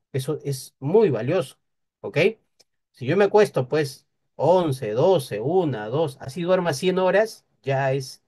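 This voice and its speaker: Man, explanatory talk, didactic, rhetorical questions, medium pitch. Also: a little mellow. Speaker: invited speaker on nutrition.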